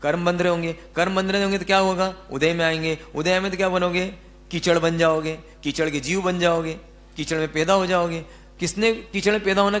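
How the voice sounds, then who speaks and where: A man's voice: high-pitched, fairly bright tone. A man giving a Jain religious discourse, talking conversationally, asking his listeners questions and answering them himself. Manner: conversational, acts out everyday quotes. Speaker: spiritual teacher.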